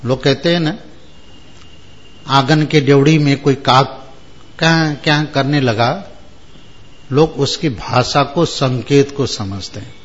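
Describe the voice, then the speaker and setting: A man's voice: mid-range voice, slow, pauses often, dull audio. A man giving a spiritual discourse, chanting verses and explaining them word by word, often checking with his listeners. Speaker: religious discourse speaker.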